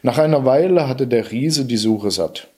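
A man narrating a fairy tale aloud in a lively, expressive storybook reading. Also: medium pitch, moderate pace, husky.

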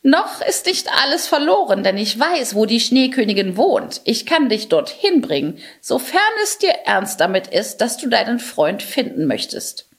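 A woman voicing a gentle, wise talking crow in a storybook reading, speaking slowly and soothingly. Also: on the high side, very animated, voice pushed up. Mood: reassuring.

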